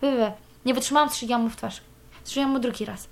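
A woman's voice: on the high side, quick pace, creaky. A young woman giving a candid personal account, cursing freely as she talks. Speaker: interviewee.

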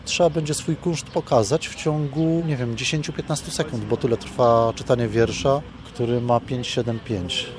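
A man's voice: medium pitch, steady tone, normal speed, hardly any pauses, background noise. A man answering a reporter's questions in a thoughtful, reflective way. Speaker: contest participant. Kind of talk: interview answers.

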